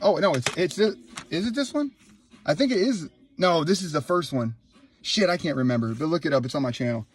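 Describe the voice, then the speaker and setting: A man in his thirties, from Ohio, filming a casual vlog in his laundry room on a handheld phone, excited and rambling. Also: mid-range voice, background noise. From Ohio, USA. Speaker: YouTuber. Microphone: handheld phone, no tripod.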